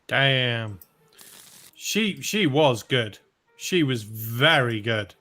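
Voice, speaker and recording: A man's voice: medium pitch, animated, pushed and bright, faint music behind. Man hosting a poker stream. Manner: joking, drawn-out reactions. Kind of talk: casual chat with jokes.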